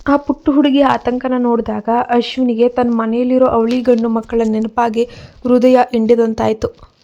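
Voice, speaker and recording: A woman narrating a dramatic story in a steady, earnest reading. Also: fairly high pitch, moderate pace, dull audio.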